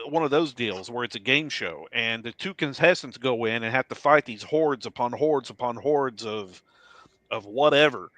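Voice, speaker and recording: A man's voice: mid-range voice, sharp tone, dry recording. A man co-hosting a podcast in casual chat, telling anecdotes and laughing often. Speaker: podcast co-host.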